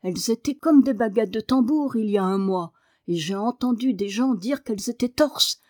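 A woman reading aloud voices a gruff old male gardener who speaks in a hoarse voice. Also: fairly high pitch, moderate pace, darkish tone, no echo, clean studio sound, lightly acted.

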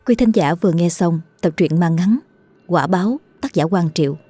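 Woman reading a spooky story, low husky voice, calm and hushed. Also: normal speed, soft background music. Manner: steady, hushed late-night storytelling. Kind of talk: scripted ghost story narration.

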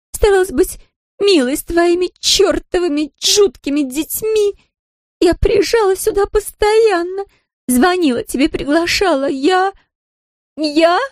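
A woman's voice: dry recording, clean studio sound. A woman reading an audiobook, voicing a drunk, jealous glamorous woman who slurs and shrieks. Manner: slurred, shrill, screaming.

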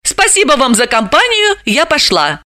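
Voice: sits high, huge pitch swings, moderate pace, pushed and bright, dry recording, clean studio sound, voice pushed up, full character voice. An audiobook narrator voicing a bold young woman, emphatic and indignant. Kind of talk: audiobook character voice.

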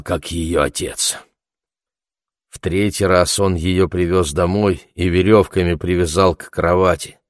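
A man narrates an audiobook with a deep voice, at a measured and reflective pace. The sound is dry and close, with no room around it. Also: dry recording.

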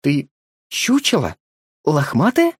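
A man's voice: a little high, slow, slightly rough, dry recording, clean studio sound, heavily acted. A man voicing an eager young village boy who calls out and pleads in an audiobook. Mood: wondering. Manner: excited, calling out and pleading. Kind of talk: audiobook character voice.

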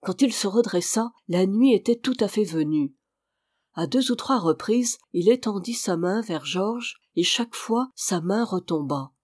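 An audiobook reader with a middle-pitched voice tells a classic adventure novel at an even, measured pace. The recording is dry and close, with no room sound at all. The delivery stays steady throughout, as in scripted narration. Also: no echo.

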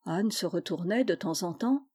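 Mellow-voiced woman reading a storybook. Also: medium pitch, normal speed, husky. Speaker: audiobook reader. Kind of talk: reading a classic children's novel.

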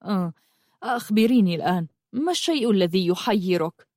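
A man's voice: sits high, animated, brisk, a little mellow, no echo, clean studio sound. A woman voicing a curious, skeptical young man who asks questions.

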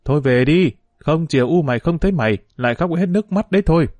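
A man voicing a gruff but kindly older woman who sells sugarcane, scolding in quick bursts. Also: fairly high pitch, expressive, a little mellow, no echo, lightly acted.

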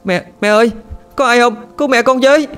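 A man's voice: high-pitched, brisk, soft background music, voice pushed up. A man voicing a terrified little girl who screams shrilly for help for her mother. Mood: panicked.

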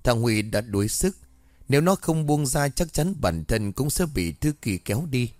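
A man narrating a ghost story in a lively storytelling manner. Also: medium pitch, normal speed, no echo.

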